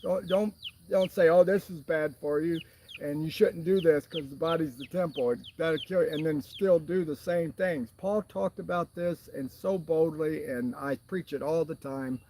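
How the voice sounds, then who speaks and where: A man's voice: on the high side, moderate pace, warm tone, a little hiss or hum. A man co-hosting a wellness talk, exhorting listeners in an emphatic, preacher-like way. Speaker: co-host. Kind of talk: casual chat with preaching asides.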